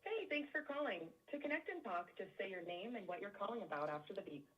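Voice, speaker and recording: A woman's voice: medium pitch, animated, quick pace. A woman's automated voicemail greeting heard over a phone line, giving a scripted, upbeat prompt. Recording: muffled phone audio, distant.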